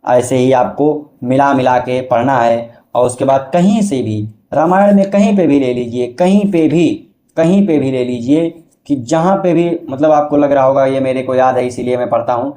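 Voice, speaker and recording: A man explaining step by step how to recite devotional verses in a casual teaching style, breaking into slow melodic chanting. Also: medium pitch, mellow.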